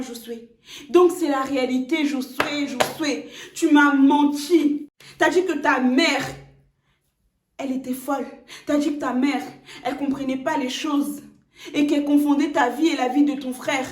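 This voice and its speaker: A woman's voice: high voice, steady tone, moderate pace, a little mellow, close to an everyday voice. A woman voicing a betrayed young fiancée accusing the man who lied to her. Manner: hurt, accusing. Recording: roomy echo.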